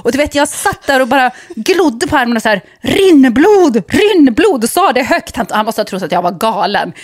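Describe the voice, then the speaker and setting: Animated young woman telling a story. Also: fairly high pitch. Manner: animated storytelling, acts out quotes. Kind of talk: casual chat.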